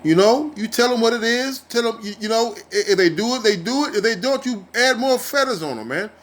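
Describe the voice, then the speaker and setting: A man's voice: extremely high pitch, expressive, a little fast. A man teaching from scripture in a casual, heated style, reading verses and then ranting with profanity and many fillers, often ending his phrases with "man". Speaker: street preacher.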